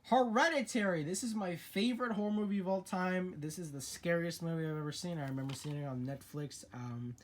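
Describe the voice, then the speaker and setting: A man's voice: fairly high pitch, brisk, hardly any pauses, a little hiss or hum. A young man in a casual vlog, talking through his horror movie collection in an opinionated, chatty way with frequent restarts.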